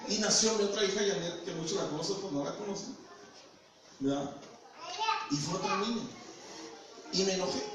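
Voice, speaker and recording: A man's voice: sits high, moderate pace, long pauses. A middle-aged Mexican man preaching a sermon as pastor, talking to the congregation like a conversation and asking them questions. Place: church hall. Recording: echoey hall, from far off, noisy.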